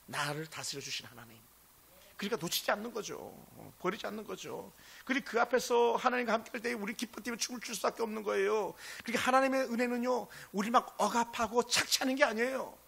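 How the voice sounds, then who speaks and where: Raspy, bright-voiced preaching man. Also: sits high, quick pace. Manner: impassioned, swings between loud and hushed. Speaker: pastor. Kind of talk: sermon.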